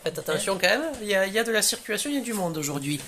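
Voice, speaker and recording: A woman's voice: medium pitch, sing-song, very fast, fairly bright tone, a little hiss or hum. A woman playing an impatient, commanding driving examiner in an amateur comedy sketch. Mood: bossy.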